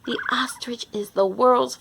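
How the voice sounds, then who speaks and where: A woman hosts a children's read-along, reading a picture book expressively, talking to the kids directly and performing animal noises. Her voice is fairly high and creaky, fairly even in intonation, a little slow, with background noise.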